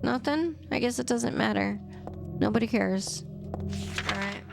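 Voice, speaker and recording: A woman's voice: on the high side, a little slow, gravelly, music in the background. A young adult woman streaming a game, rambling casually with wry asides to her viewers and to the character she is playing. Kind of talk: casual live gameplay commentary.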